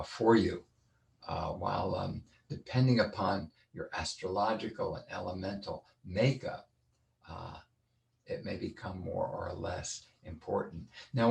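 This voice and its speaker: A man's voice: low voice, gravelly. A man giving an informal lecture as a wellness teacher, rambling with frequent fillers and restarts. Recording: roomy, distant mic.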